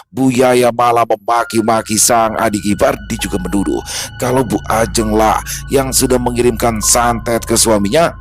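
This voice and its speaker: A man narrating a horror story in a steady, measured storytelling voice. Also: medium pitch. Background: faint background music.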